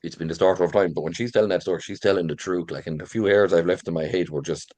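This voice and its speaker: Irish man, middle-aged, deep voice, lilting informal storyteller delivery, very dry sound. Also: fairly even intonation, fast talker, darkish tone, no echo. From rural Ireland. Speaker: visitor centre manager and local folklore storyteller.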